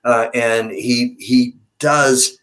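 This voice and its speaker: A man hosting a broadcast, speaking in a measured, reassuring way with pauses, offering faith-based encouragement. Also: mid-range voice, steady tone, fairly bright tone. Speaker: host of an online support broadcast. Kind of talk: encouraging, faith-based talk to guests and viewers.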